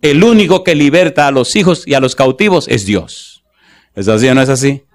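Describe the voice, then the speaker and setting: A male pastor preaching a sermon, slowing down to read scripture and putting rhetorical questions to the congregation. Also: medium pitch, expressive. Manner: slows to stress scripture verses.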